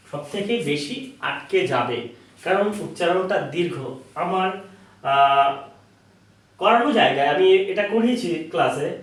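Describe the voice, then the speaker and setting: A man with a high voice teaches a children's phonics lesson, chanting letter sounds slowly and repeating them. He sounds far from the microphone, in a strongly echoing room.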